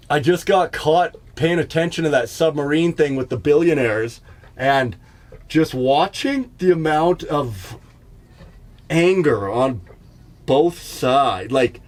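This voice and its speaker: A middle-aged man from Canada riffs alone in a casual comedy podcast. His voice sits a little high, and he rambles and mocks himself as he tells stories. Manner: rambling, self-mocking, laughs at his own bits. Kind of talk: casual storytelling monologue. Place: in Jasper, staying in an RV.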